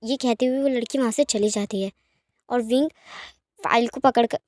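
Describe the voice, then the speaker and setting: A woman narrating a fan-fiction romance story in plain, quick storytelling. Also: a little high, a little mellow, no room sound.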